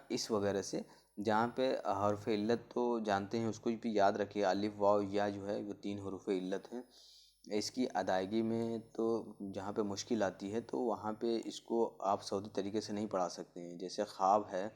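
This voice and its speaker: A man giving an exam-prep lecture on teaching methods, explaining slowly with many fillers and spelling out letter sounds. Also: lowish voice, darkish tone. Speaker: Urdu pedagogy teacher.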